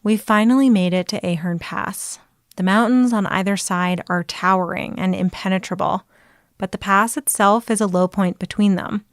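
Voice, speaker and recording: A woman narrating a documentary in a clear, descriptive storytelling style. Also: medium pitch, fairly even intonation, normal speed, dry recording, studio quality. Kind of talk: scripted narration.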